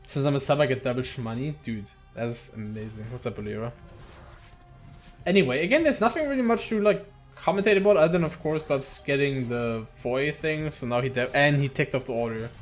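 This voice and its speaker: A man's voice: mid-range voice, fairly quick, soft background music. A young man giving casual commentary on a speedrun match, swearing often, laughing and talking to viewers. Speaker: tournament commentator. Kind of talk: casual solo esports commentary.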